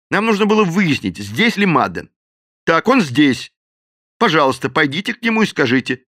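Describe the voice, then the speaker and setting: A determined young man, firm and a bit impatient, voiced by a male reader. His speech is bright and lively. The sound is close and dry. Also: a little high, no echo, pitched above the performer's own voice. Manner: firm, insistent.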